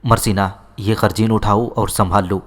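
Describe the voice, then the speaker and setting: A man's voice: on the low side, fairly even intonation, lightly acted. Man reading as a firm old matriarch. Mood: firm, motherly. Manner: firm, motherly. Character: elderly mother, commanding yet loving matriarch.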